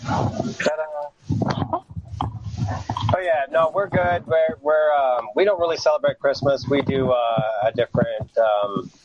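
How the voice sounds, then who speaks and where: A man's voice: mid-range voice, slow pace, pauses often. A man talking casually as a guest on a video call, hesitant and full of fillers, his voice echoey and far from the mic. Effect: echoey, distant mic sound. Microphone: own home mic on a video call. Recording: dull, lo-fi echoey call audio from far off the mic, with faint noise.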